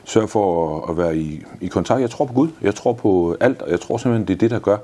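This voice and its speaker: Interview guest, man in his 50s, very low husky voice, blunt and swearing. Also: warm tone. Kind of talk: casual interview answers.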